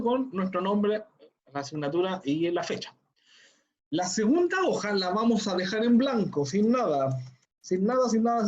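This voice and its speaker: A man's voice: sits high, a little mellow. Man teaching an online class. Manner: patient step-by-step explaining, checks in with "¿ya?". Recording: dull lo-fi computer audio.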